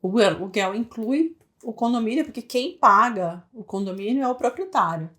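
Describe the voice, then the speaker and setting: A woman's voice: fairly high pitch, animated, normal speed, a bit bright. A woman from Brazil co-hosting a casual chat, thinking aloud and correcting herself as she goes. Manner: hesitant, thinks aloud with restarts. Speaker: co-host.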